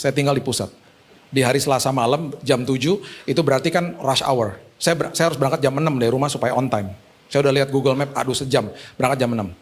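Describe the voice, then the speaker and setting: A male pastor, preaching in a casual storytelling style that is chatty and slangy and sprinkled with English words. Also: medium pitch.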